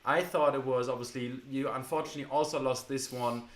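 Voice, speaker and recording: A man co-hosting a vlog, recounting a family story in a casual, halting way with many fillers. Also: medium pitch, steady tone. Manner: hesitant, many fillers and restarts. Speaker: vlog co-host. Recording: echoey room.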